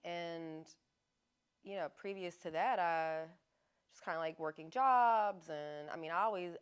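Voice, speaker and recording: A woman's voice: lowish voice, unhurried, smooth. A woman in her thirties, a podcast guest, talking in a laid-back, slangy and frank way in casual chat.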